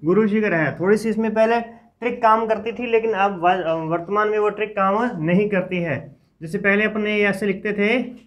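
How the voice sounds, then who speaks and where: A man teaching a geography class in a casual lecture style. He dictates lists and repeats each name slowly for his students. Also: sits high. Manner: talks informally to students while teaching. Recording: dull lo-fi classroom recording.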